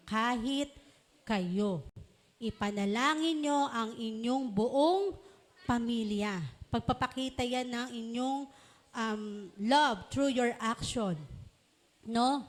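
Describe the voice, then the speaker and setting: A woman teaching a congregation of children and parents in a sermon, coaxing them along with questions and frequent check-ins. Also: high voice. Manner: acts out parents and children in short voices. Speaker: church teacher.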